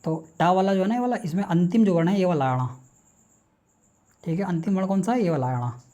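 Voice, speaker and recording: A man's voice: high-pitched, a little fast, mellow, muffled recording. A man teaching a class, reciting speech sounds one by one and asking questions that he answers himself, in an informal, direct way. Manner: informal, addresses students directly. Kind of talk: classroom lecture on phonetics.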